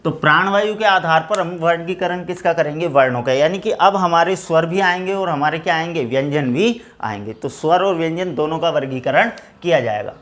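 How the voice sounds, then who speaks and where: A male teacher giving an exam-prep grammar lesson, asking rhetorical questions and answering them himself in a lower voice, often calling his students friends. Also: fairly quick, few pauses. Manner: drops to a lower, quieter voice on each answer.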